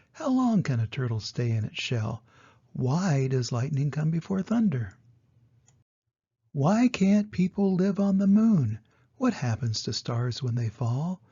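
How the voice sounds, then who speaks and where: Reading a picture book to little children, an older grandfather explains the story gently. His voice is husky and creaky, a little high, with a soft, mellow tone, and the recording sounds slightly dull and muffled.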